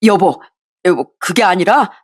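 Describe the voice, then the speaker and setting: A woman's voice: fairly low pitch, animated, measured pace, breathy edge, no echo, clean studio sound. A woman voicing a stammering, pleading husband. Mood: flustered pleading. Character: cheating middle-aged husband, flustered and pleading.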